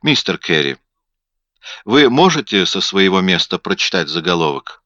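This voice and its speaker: A brisk, probing male investigator, as an audiobook reader plays him with a low, bright and forceful voice. He fires off questions with quiet authority. The recording is dry and slightly dull. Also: sing-song, no echo, heavily acted. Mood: questioning. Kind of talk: audiobook character reading.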